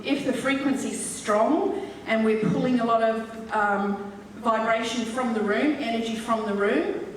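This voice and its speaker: This English-accented woman is a medium giving a live demonstration talk to an audience, chatting and joking as she explains with laughs. Her voice is a little high. The large festival hall echoes, and the faraway mic catches faint hiss.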